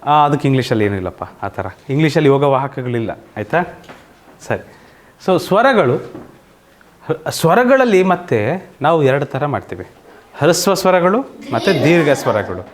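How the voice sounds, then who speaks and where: A man's voice: a little high, big pitch swings, moderate pace, long pauses. A man teaching children in an online coaching lesson, often asking checking questions and mixing in English words. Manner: quizzing, asks many checking questions. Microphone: single mic, online class recording.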